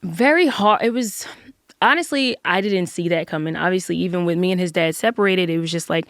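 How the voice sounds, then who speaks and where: Reflective woman guest, low voice, dry sound. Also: brisk, no echo. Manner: open, reflective, full of filler likes. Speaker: podcast guest. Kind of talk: casual interview chat.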